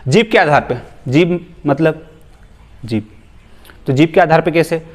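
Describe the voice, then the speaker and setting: A man with a somewhat high-pitched voice teaches grammar in a loose, chatty exam-prep lecture. He keeps asking his students questions and answering them himself. He drifts into teasing, joking asides along the way. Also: unhurried.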